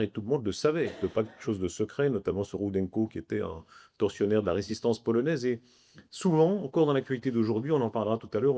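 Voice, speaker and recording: A man's voice: mid-range voice, dark tone. A man moderating a panel debate, speaking articulately in long, winding, reflective sentences.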